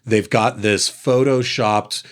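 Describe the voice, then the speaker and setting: A man's voice: fairly low pitch, takes it slowly. A man co-hosting a podcast, casually discussing a film and acting out quotes in playful voices. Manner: animated, acts out quotes in character voices. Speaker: podcast co-host.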